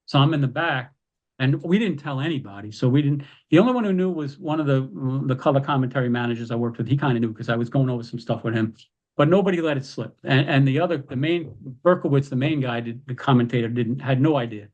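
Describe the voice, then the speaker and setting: An animated man recounts wrestling tales as a podcast guest. He tells it casually, in a middle-pitched voice, and leaps into quoted lines with a raised voice. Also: fast talker, highs cut off. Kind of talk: casual storytelling.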